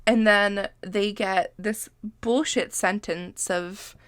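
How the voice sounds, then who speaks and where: On a dry, clean studio recording, a podcast host in her twenties from Massachusetts, USA, speaks slowly in a clear, resonant, medium-pitched voice with fairly even intonation. She's congested and sniffly, and her casual solo chat is self-deprecating and full of swearing.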